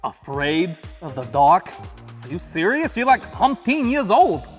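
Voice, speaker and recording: Man acting a brash slangy coach, high voice, very animated delivery, children's comedy skit, music behind. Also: a little slow. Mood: teasing, instructive. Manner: wisecracking, slangy, exaggerated. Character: brash goofy male basketball trainer in children's skit.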